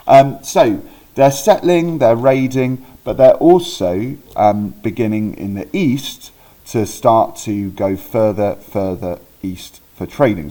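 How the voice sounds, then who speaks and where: A relaxed Welsh man with a low, mellow voice gives an informal recorded history lesson like a teacher at his desk. He pauses on ums, restarts, and stops to correct a date or word before carrying on. His delivery is friendly, chatty, unscripted and easygoing.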